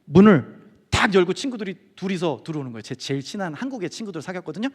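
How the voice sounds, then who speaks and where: A middle-aged man giving a testimony sermon as guest speaker, telling his story with animated storytelling and acting out quoted friends. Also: sits high, rapid-fire, breathy edge. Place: church sanctuary. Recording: long hall reverb.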